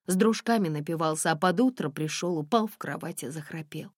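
A woman reading a stubborn young runaway bride who talks quickly and emphatically. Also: low-pitched, no room sound, studio quality. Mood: bitter.

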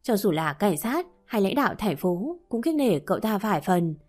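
A woman narrating a romance story in a steady reading voice. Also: mid-range voice, moderate pace, soft background music.

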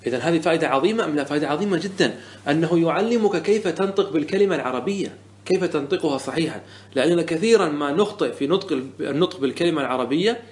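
A man's voice: fairly high pitch, a little hiss or hum. A man teaching a lesson on Arabic morphology, asking the class questions and answering them himself. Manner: repeats key words and corrects common mistakes.

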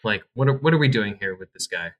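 A man's voice: lowish voice, animated, quick pace, lo-fi sound. A man co-hosting a podcast in casual chat, blunt and mocking as he reacts to clips. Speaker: podcast co-host.

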